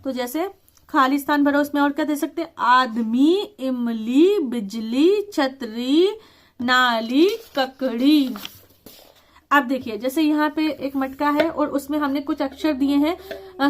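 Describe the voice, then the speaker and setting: A woman teacher explaining a lesson, reading words out slowly and deliberately and slipping English words into casual talk. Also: sits high. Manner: slow, deliberate word reading with stressed syllables.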